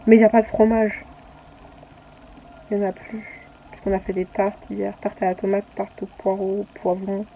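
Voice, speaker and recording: Rambling young woman vlogger, mellow voice. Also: medium pitch, level tone, normal speed, pauses often, lo-fi sound, slight background noise. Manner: rambling, lots of fillers and restarts. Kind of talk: casual chatty vlog.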